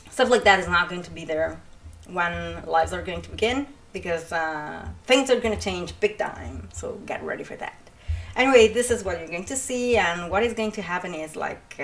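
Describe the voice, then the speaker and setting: With a mid-range voice and an Italian accent, a young woman from Italy who writes and streams introduces her channel in a loose, rambling chat, stumbling through fillers and restarts.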